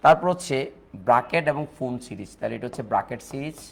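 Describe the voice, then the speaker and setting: Fast-talking Bangladeshi chemistry teacher. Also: male voice, mid-range voice, expressive, creaky, slight background noise. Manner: fast, repetitive teaching talk with English mixed in. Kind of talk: lecture.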